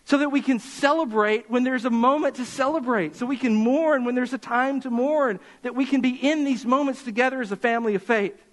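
A man preaching a Sunday sermon as pastor of a church, impassioned and slowing down to stress key words. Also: very high voice. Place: church sanctuary.

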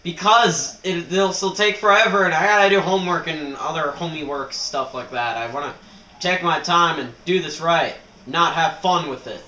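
A man chatting excitably during a co-op shooter game, goofy and quick to swear and laugh. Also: fairly high pitch. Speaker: gamer playing co-op. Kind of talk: casual gameplay banter. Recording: echoey room with noisy background.

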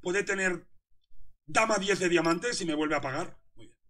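A man's voice: high-pitched, normal speed, bright, forceful tone. A young man, a poker coach commentating his hands live and teasing a viewer in chat.

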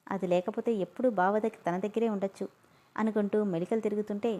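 A woman who tells stories, reading a family drama aloud in a steady, expressive way. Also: mid-range voice, fast. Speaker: storyteller. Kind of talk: scripted story narration.

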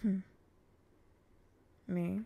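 A woman playing a brooding, vengeful samurai in an ASMR role-play, speaking in a breathy, terse, deadpan way. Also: drawn-out words, dry recording, phone-quality sound. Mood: bargaining, calm. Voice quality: breathy, often dropping in a soft voice.

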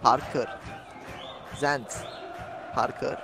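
A man giving fast play-by-play commentary on an online football match, calling out names and rising to shouts at key moments. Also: mid-range voice, steady tone, gravelly, crowd noise, background noise. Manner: rapid calling of player names, bursts of shouting.

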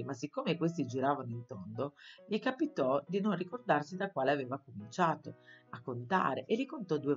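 A woman reading a children's novel aloud for schoolchildren, in an expressive storytelling style. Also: rumbling low, highs cut off. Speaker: audiobook reader for schoolchildren. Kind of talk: storybook narration.

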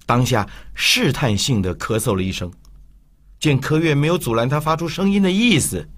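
A man narrating an audiobook in an expressive storytelling manner. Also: medium pitch, moderate pace. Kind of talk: scripted narration.

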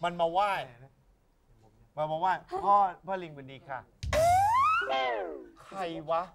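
A man co-hosting a TV game show, joking and mock-insulting guests in an animated way. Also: a little high, slow, over music. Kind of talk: comic TV game show banter.

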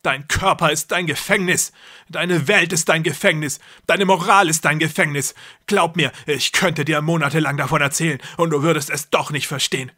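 A man voicing a cruel, deluded young man who believes he is a god, speaking loudly and feverishly. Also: on the high side, steady tone, normal speed, voice pushed up. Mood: raving menacing. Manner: loud, intense, feverish delivery.

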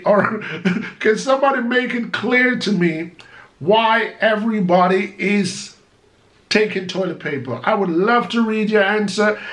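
A Jamaican vlogger in his forties chats casually to camera from a small home office. He's animated, gesturing as he talks, and his voice is high-pitched.

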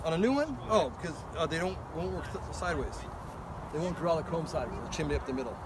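A man's voice: on the high side, expressive, quick pace, heavy background noise. Practical man teaching beekeeping outdoors. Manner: practical, instructive, frequent "okay?" checks. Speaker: beekeeping instructor. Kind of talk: hands-on outdoor demonstration. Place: outdoor apiary by a road.

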